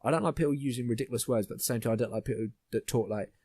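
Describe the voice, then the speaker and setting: A man's voice: mid-range voice, rapid-fire, a little mellow, breathy edge, dry recording. A young man hosting a podcast, ranting bluntly with plenty of swearing in casual chat. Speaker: podcast host.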